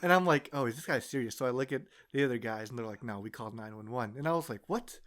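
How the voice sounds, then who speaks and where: A man co-hosting a podcast, telling his side of a story in casual chat, often quiet and mumbly. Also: mid-range voice, fast talker. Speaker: podcast co-host.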